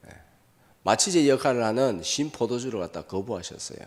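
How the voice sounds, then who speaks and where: In a church sanctuary, a pastor delivers a dramatic sermon in a mid-range voice, animated and a little fast. He acts out quoted voices in sudden loud bursts and tosses short questions back to the congregation.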